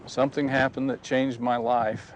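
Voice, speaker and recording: A man's voice: mid-range voice, level tone, moderate pace, a little hiss or hum, poor audio. A man giving an earnest personal faith testimony outdoors at a historic site, acting out the dialogue as he tells it. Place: outdoors on a ridge.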